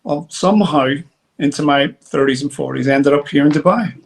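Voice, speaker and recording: In a conversational interview, a guest in his forties from Derry, Northern Ireland, tells his story with a Northern Irish accent, rambling and full of fillers and restarts. His voice is slightly high and creaky, at a moderate pace.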